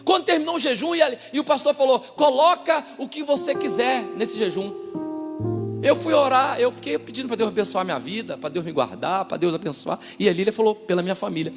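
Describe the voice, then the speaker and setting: A man with a high-pitched voice gives an animated testimony from the pulpit. He acts out dialogue and jumps between loud outbursts and quiet asides. His voice rings through a church hall with a long echo while music plays underneath. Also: fairly quick. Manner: animated, dramatic storytelling with voiced quotes. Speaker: pastor. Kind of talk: testimony sermon.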